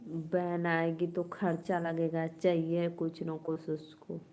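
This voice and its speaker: A woman's voice: sits low, completely flat delivery, slow, warm tone, slight background noise. A woman hosting a casual live stream, chatting with viewers and coaxing them to stay and comment.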